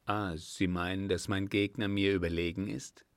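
A man voicing a courteous, proud young army lieutenant in a measured audiobook reading. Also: deep voice, level tone, no echo. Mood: earnest.

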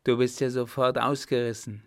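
A man's voice: mid-range voice, level tone, normal speed, close to an everyday voice. A man voicing a defiant, scornful young female tightrope artist in an audiobook. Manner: sharp, sneering retorts. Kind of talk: audiobook character voice.

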